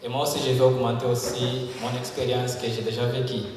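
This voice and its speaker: A man giving an informal public speech, pausing haltingly for an interpreter. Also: mid-range voice, little pitch movement. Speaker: guest speaker sharing personal story. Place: large echoey hall at a public gathering. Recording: echoey hall, distant mic, noisy.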